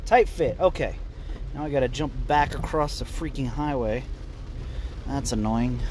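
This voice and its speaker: A man's voice: mid-range voice, moderate pace, a little mellow. A man talking casually and thinking aloud as he records a solo driving vlog inside a vehicle. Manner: rambling, thinking aloud, mild swearing. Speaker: road-trip vlogger. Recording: noisy vehicle interior. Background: road and vehicle noise.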